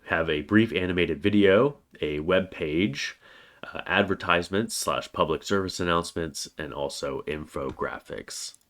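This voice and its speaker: This recorded lecture gives a weekly course overview from a man whose voice sits extremely low and deep, in the manner of a college writing teacher. He has a cold that makes him sound slightly stuffy. He talks in an unhurried, plain, steady way, with many "uh" fillers between phrases.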